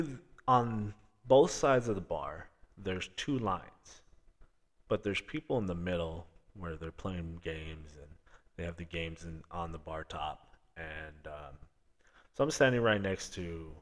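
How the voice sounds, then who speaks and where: A man's voice: low voice, lively intonation, measured pace. A young man hosting a podcast, telling a story casually with many fillers and chuckles. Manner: laid-back, chuckling, filler-heavy. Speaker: podcast host.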